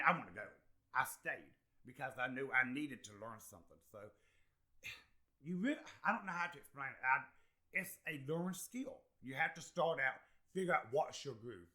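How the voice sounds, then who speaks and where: A man's voice: mid-range voice, pushed and bright. A man speaking as an interview guest, an actor and comedian, talking earnestly and encouragingly with lots of fillers. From South Carolina. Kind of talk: candid conversational interview.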